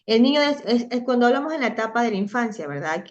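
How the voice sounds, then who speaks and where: A woman's voice: a little high, expressive, fast. Female teacher, middle-aged, explanatory lecture delivery with frequent check-ins; slightly lo-fi audio. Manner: explanatory, often tags ¿verdad?. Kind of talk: online class lecture.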